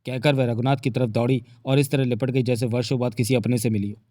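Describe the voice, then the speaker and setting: A man's voice: medium pitch, level tone, fast, dark tone, no echo. A man narrating a novel aloud with vivid, dramatic storytelling. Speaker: audiobook narrator.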